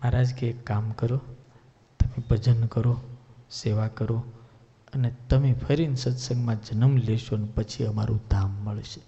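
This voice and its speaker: A man's voice: medium pitch, a little slow. A man telling devotional stories in a sermon, acting out each character's lines in changing voices. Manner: animated, acts out characters' lines in shifting voices. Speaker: religious storyteller. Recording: dull lo-fi sound with long hall reverb.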